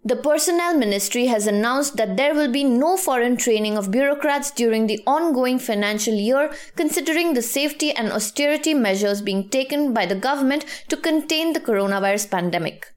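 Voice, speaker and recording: Indian-accented woman reading news, higher-pitched voice. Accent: Indian English. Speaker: news podcast presenter.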